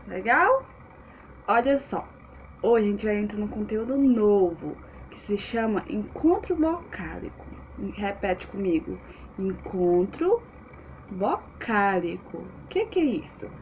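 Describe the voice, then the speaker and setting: A woman with a Brazilian accent, a kindergarten teacher giving an online class to small children, speaking slowly and drawing out words in a sing-song way. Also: a little high, darkish tone, lo-fi sound, a little hiss or hum. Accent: Brazilian Portuguese.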